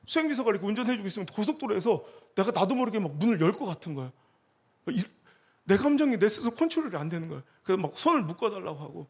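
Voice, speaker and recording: A middle-aged male pastor preaching an impassioned revival sermon, swinging between loud exhortation and hushed storytelling. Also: high voice, slightly rough. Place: church hall at a youth retreat.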